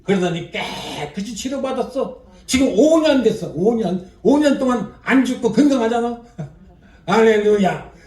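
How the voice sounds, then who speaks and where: A woman's voice: on the high side, animated, moderate pace, dark tone. An older woman pastor preaching a revival sermon with emphatic fervor, calling out to her congregation and punctuating her points with hallelujahs. Her voice carries through an echoing church and reaches the microphone from some way off. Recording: roomy echo, voice picked up from a distance.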